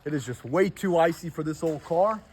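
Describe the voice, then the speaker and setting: A man with a slightly high voice narrates a casual vlog in informal, colloquial language. Faint ambient and vehicle noise sits behind his voice. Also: animated, brisk, a little mellow. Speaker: vlogger. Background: faint ambience, vehicle sounds.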